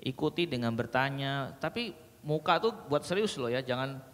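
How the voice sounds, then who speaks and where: A man's voice: mid-range voice, moderate pace. A man speaking to an audience in a hall, telling stories and acting out dialogues with humour. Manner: animated storyteller who acts out dialogues with humour. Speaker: speaker at a parenting sharing session. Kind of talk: lively seminar talk to an audience. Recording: reverberant hall, faint background noise.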